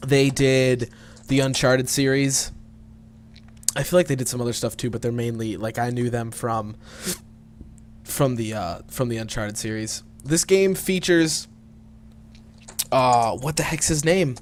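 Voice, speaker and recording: A man's voice: mid-range voice, fairly even intonation, unhurried, pauses often. A man co-hosting a gaming podcast, chatting casually and rambling through stories with laughs. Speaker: podcast co-host. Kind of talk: casual chat.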